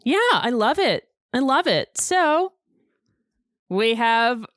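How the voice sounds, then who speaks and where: A woman's voice: a little high, sing-song, slow, fairly bright tone, dry recording, clean studio sound. A woman co-hosting a podcast, talking casually and playfully about a cartoon episode. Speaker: podcast co-host.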